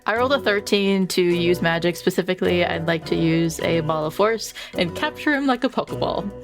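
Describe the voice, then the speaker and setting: A woman's voice: fairly low pitch, fairly quick. A woman playing a tabletop role-playing game, casually improvising her character's actions and asking questions. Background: background music.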